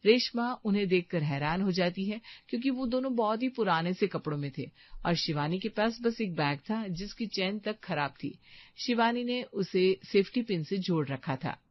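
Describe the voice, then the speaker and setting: A woman's voice: medium pitch, animated, normal speed, lo-fi sound. A woman giving scripted storytelling narration for a cartoon story.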